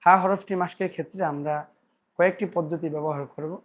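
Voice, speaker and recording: A man teaching Quran pronunciation, explaining slowly and drawing out practice syllables. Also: a little high, fairly even intonation. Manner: slow, deliberate explanation with drawn-out practice syllables. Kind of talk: tajweed pronunciation lesson.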